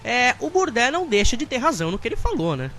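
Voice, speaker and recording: Very high-pitched Brazilian man hosting. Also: big pitch swings, fast, sharp tone. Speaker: host. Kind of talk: motorsport talk show presenting.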